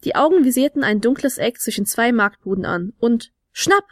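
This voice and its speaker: A woman reads a children's advent story aloud. She is lively and expressive, and her voice sits fairly high. The sound is dry and close to a studio mic. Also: brisk, dry recording. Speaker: narrator. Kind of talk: storybook reading.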